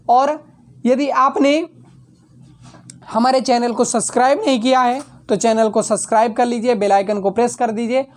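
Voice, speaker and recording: A young adult woman teacher reading out exam answers at a steady dictating pace, now and then correcting herself mid-word. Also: a little high.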